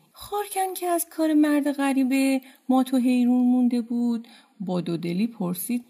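Mellow-voiced woman telling a folk tale. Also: high voice. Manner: gentle, colloquial storytelling. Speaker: storyteller.

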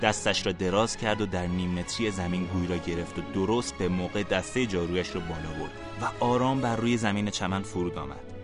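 Low male storyteller, calm podcast narration over soft music.

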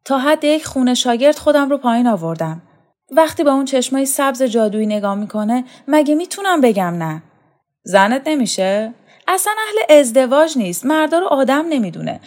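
A woman's voice: sits high, big pitch swings, darkish tone, voice pushed up. Woman putting on a desperate lovesick young man. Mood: yearning. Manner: impassioned, pleading, raised voice. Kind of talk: storytelling reading. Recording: faint music underneath.

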